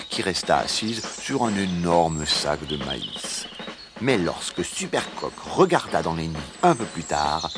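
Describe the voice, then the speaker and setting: A man reading a children's story aloud in an expressive way. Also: medium pitch, background noise. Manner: slow, expressive read-aloud.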